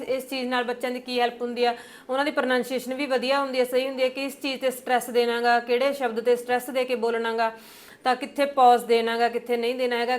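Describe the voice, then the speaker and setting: A young woman with a Punjabi accent gives an exam-prep lecture. Her voice sits a little high. She explains patiently, pads her points with fillers and slows down over the English terms. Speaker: teacher.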